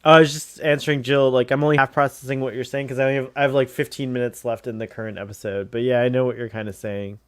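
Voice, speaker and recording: Casting: male co-host, mid pitch, dry sound, informal running commentary. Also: fairly even intonation, fast talker, few pauses, clear, resonant tone, no room sound. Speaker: watch-along co-host. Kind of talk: casual chat and commentary.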